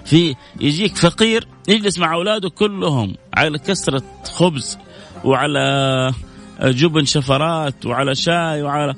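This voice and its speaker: A man hosting a radio call-in show, giving earnest family advice and reading out listener messages. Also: a little high.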